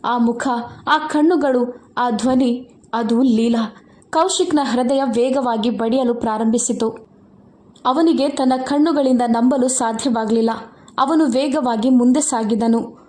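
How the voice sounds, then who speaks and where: A woman narrating an emotional moral story in an earnest, steady way. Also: sits high, roomy sound.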